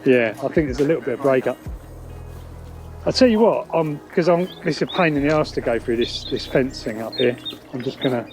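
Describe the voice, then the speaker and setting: Out by a riverside path, a British man tests a wireless intercom, talking off the cuff through its headset as music plays behind him. His mid-range voice is brisk, with lively intonation.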